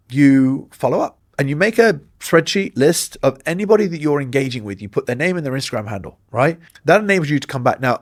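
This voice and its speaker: Male business coach, mid-range voice, direct and energetic, dry close-mic read. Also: mid-range voice, no room sound. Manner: direct, energetic, role-plays DM messages in quick asides. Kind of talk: instructional talk to camera.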